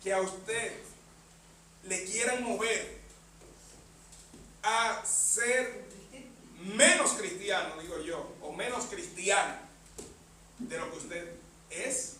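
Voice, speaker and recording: High-voiced preacher in an echoey church. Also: male voice, very slow, pauses often, pushed and bright, a little hiss or hum. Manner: punctuates phrases with amen and bendito sea el Señor. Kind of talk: sermon. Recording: echoey church hall, mic far off.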